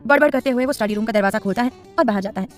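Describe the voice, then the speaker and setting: Fast-paced woman storyteller over music. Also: on the high side. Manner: reads with expressive dialogue voices. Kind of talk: scripted story narration.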